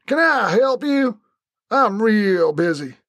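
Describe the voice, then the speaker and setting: A man voicing a surly young man with a slow Deep Southern drawl, answering curtly. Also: very animated, fairly bright tone, dry recording, studio quality, full character voice.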